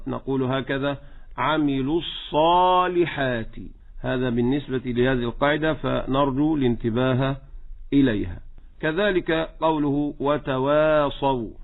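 A man teaching Quran recitation rules, patiently correcting and slowly modeling each word. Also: a little high. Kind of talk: tajweed lesson with recited examples. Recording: tinny phone-like line.

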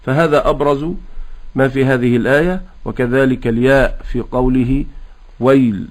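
A man teaching Quran recitation, explaining pronunciation rules patiently and chanting the verses in a slow, drawn-out melodic style. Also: mid-range voice, steady tone. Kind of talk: tajweed lesson with recitation.

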